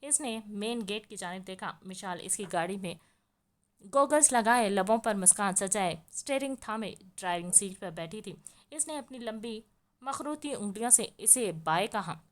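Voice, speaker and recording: A woman reading a romance novel aloud with expressive storytelling. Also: mid-range voice, normal speed. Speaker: audiobook narrator.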